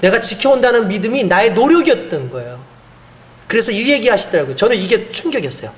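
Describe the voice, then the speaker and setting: A man preaching a sermon as pastor, telling a story and swinging between hushed and emphatic delivery. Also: high-pitched, lively intonation, fast talker.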